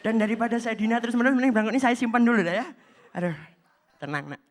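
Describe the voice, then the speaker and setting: A man from Java performing a stand-up comedy set, animated and acting out little exchanges. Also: very high-pitched, very fast, some chatter behind, a little hiss or hum. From Java, Indonesia. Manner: animated, acts out short quoted exchanges in other voices.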